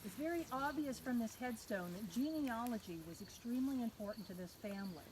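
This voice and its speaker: A woman guiding a walking tour outdoors, telling stories in a measured, deliberate way. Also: a little high. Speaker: cemetery tour guide. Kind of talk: guided walking tour storytelling. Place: outdoors in a cemetery at night. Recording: outdoor recording with clear background noise, crickets.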